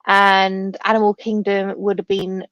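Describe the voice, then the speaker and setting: A woman's voice: medium pitch, level tone, unhurried, a bit bright, no room sound, dull audio. A woman hosting a casual chat and asking questions, with slightly imprecise R and W sounds. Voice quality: trouble pronouncing R's and W's.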